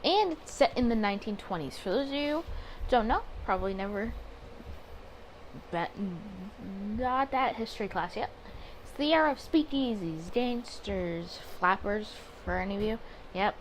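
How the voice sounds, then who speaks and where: Animated and unhurried at medium pitch, the host of a gaming channel chats through a casual let's play in a rough home recording with background noise. She reads visual novel text out loud, rambles, and keeps stopping to correct herself and say sorry.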